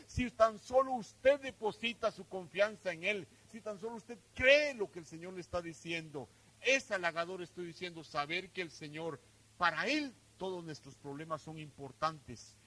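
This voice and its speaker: A man preaching a sermon, addressing his listeners as brothers and sisters, swinging between loud emphatic lines and softer ones. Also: sits high, low-quality recording. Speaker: pastor.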